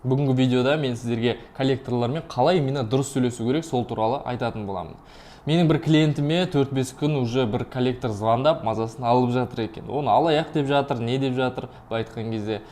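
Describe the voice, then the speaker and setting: A man's voice: medium pitch, quick pace, darkish tone. A man from Kazakhstan speaking as a lawyer and advice host, explaining things in a polite, matter-of-fact way. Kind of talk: explanatory talk and calm negotiation.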